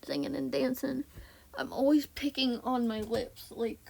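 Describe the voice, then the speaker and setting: A woman's voice: on the high side, big pitch swings, measured pace, warm tone. A woman talking casually in a voiceover, rambling and correcting herself, her voice a bit off today. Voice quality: gravelly fry in her voice. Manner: rambling, self-correcting, lots of ums. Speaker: beauty vlogger. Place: home, indoors.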